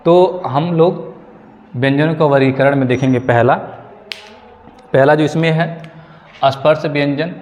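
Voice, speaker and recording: A man's voice: fairly high pitch, darkish tone, slight background noise. Man teaching in a reverberant room. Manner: explains slowly, repeats key points and asks "ठीक है". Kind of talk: exam-prep grammar lesson.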